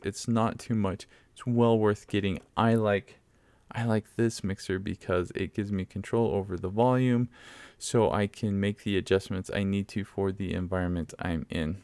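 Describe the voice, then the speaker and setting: In a casual product demo, a man who reviews microphones talks things through in a low, darkish, smooth voice with a steady tone at normal speed. The recording, made fairly close on a condenser mic feeding a mixer in an open room of his dome house, has no room sound.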